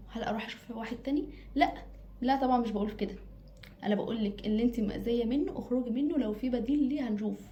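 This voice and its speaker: Woman, Egyptian Arabic accent, casual advice monologue, mellow tone, fast talker, emphatic. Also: mid-range voice, a little hiss or hum. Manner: emphatic, repeats phrases for stress. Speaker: advice vlogger. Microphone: self-filmed camera.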